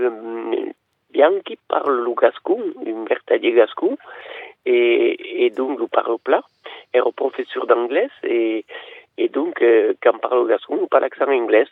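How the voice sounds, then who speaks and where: A man's voice: mid-range voice, unhurried, gravelly, dry recording. A man speaking as a radio guest, talking in a hesitant way and mixing French with Occitan, heard over a phone line. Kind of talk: radio interview.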